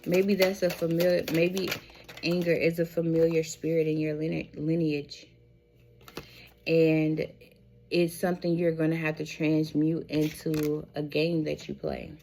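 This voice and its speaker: Slow, gravelly woman reading tarot. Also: deep voice, level tone, warm tone, slight background noise. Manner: slow, reflective, repeats phrases, addresses viewers as y'all. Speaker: tarot reader. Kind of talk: spiritual tarot reading to camera.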